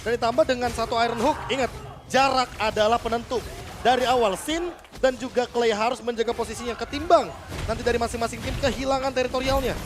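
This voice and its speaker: High-voiced Indonesian male esports analyst. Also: steady tone, quick pace. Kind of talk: analytical live esports commentary.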